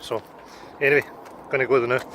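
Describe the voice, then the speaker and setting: A man's voice: medium pitch, level tone, fast, fairly bright tone, a little hiss or hum. A man with a west coast Scottish accent vlogging outdoors with a handheld camera, chatty and self-deprecating. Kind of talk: casual vlog to camera. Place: outdoors on town streets.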